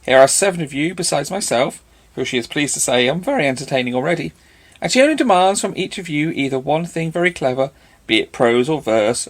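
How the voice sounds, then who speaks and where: A man's voice: on the high side, pitched above the performer's own voice. A man playing an impudent young charmer.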